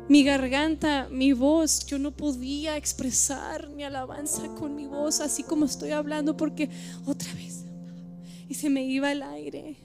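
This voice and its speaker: Woman, 30s, high voice, halting and heartfelt testimony in church over faint music. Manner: heartfelt, halting, repeats phrases. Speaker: church member giving testimony.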